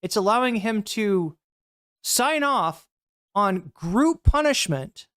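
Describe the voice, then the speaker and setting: A woman's voice: medium pitch, sing-song, slow, no echo, studio quality. A woman streamer reacting to clips and talking to her chat, blunt and heated, with frequent swearing. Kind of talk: casual livestream commentary.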